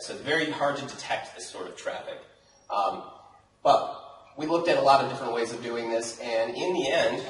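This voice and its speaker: A man's voice: mid-range voice, recorded from a distance, slight background noise. Casual man lecturing in an echoey hall. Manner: casual, chatty presenter with frequent "right?" and laughs. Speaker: conference speaker. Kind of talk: technical conference talk. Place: lecture hall at a college hackathon. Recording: echoey hall recorded from afar.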